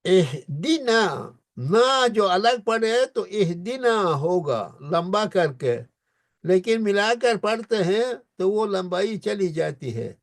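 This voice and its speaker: High gravelly male teacher, dry sound. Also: animated, no echo. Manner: slowly drawn-out recitation of verses between explanations. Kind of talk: Quran recitation lesson.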